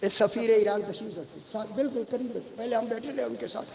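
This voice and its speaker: A man's voice: extremely high pitch, fast talker, gravelly, darkish tone, a little hiss or hum. A man gives a majlis sermon, telling stories and speaking straight to his listeners. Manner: conversational storytelling, addresses the audience directly. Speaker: religious scholar giving a majlis sermon. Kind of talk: Urdu majlis sermon with anecdotes. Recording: long reverb of a hall.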